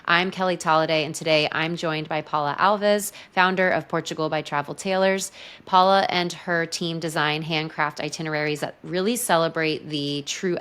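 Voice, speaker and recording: A woman's voice: low voice, fairly bright tone, smooth. A woman podcast host who reads a scripted intro, then asks interview questions in a welcoming, enthusiastic way.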